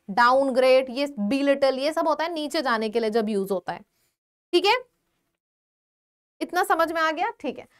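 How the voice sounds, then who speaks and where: Speaking with an Indian accent in a fairly high voice, a woman teaches an exam-prep vocabulary lesson. She explains slowly, repeats words, and quizzes her viewers.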